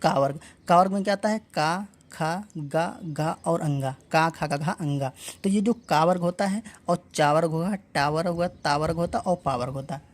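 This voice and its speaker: A woman's voice: lowish voice, fairly quick. A woman teaching an exam-prep lesson, drilling letter sounds aloud and asking questions she then answers herself. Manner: addresses viewers as friends.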